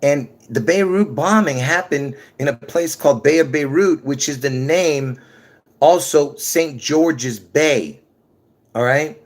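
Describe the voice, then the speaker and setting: Talking straight to his viewers, a Lebanese man who makes conspiracy videos rambles through a casual monologue on camera, frequently starting sentences over. He speaks slowly, in a slightly high voice.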